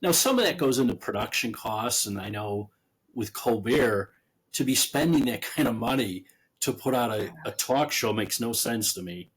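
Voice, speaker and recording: A man with a husky, slightly breathy voice, speaking as a guest author in a relaxed conversational interview. He is chatty, laughs easily, and often trails off and restarts his thoughts mid-sentence. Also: medium pitch, moderate pace.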